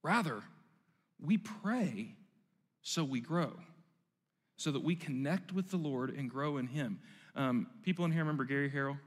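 A man's voice: a little high, a little slow, long pauses, big-room sound. A male pastor giving a sermon in a church, conversational and self-deprecating. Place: church sanctuary.

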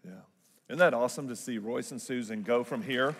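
A man's voice: mid-range voice, fairly quick, fairly bright tone, a faint crowd, a little hiss or hum. A man with a Southern Arkansas accent speaking and praying from a church stage as the host pastor. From southern Arkansas, United States. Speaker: church pastor hosting the service. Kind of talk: church stage remarks and extemporaneous prayer. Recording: reverberant church hall, music underneath.

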